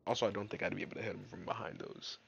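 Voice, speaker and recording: A man giving casual, jokey let's-play commentary, excitable and swearing, talking to himself and his viewers. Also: fairly low pitch, very fast, creaky, dull audio, slight background noise. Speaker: gaming YouTuber. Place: dark room at home.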